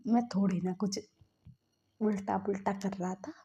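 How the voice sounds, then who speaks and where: Casting: woman playing an affectionate young chef husband, soothing and pleading, mellow husky voice, lo-fi. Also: medium pitch, steady tone, a little slow. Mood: coaxing. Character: gentle coaxing young husband, a restaurant chef.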